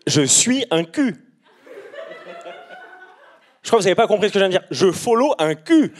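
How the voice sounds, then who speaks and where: A man's voice: high voice, sing-song, unhurried, pauses often, slight background noise. A man doing stand-up in a rambling, stammering, crude way. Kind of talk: stand-up comedy.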